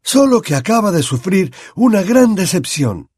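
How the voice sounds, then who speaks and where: Dumbledore, a man doing a calm old headmaster. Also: high-pitched, husky, no room sound, clean studio sound, pitched above the performer's own voice, heavily acted. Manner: calm, measured, gently firm.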